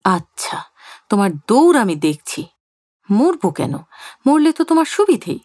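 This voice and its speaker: A woman voicing a sharp-tongued older wife who scolds in an indignant way in an audio story. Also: a little high, big pitch swings, moderate pace, dry recording, studio quality. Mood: angry.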